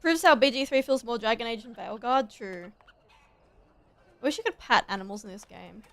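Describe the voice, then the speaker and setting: A young woman streaming a fantasy game, excitable, swearing and laughing as she comments. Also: fairly high pitch, moderate pace, no echo. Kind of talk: gameplay commentary.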